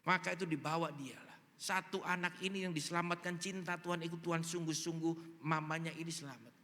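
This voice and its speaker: A man's voice: on the high side, steady tone, fairly quick, bright, forceful tone. A male pastor preaching a sermon, telling a story animatedly and acting out the dialogue. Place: large church hall. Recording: long reverb in a large hall.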